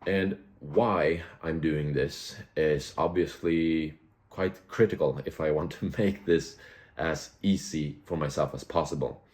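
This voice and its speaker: Very deep-voiced young man. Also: slow, darkish tone. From Sweden. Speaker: vlogger. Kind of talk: casual reflective vlog talk to camera.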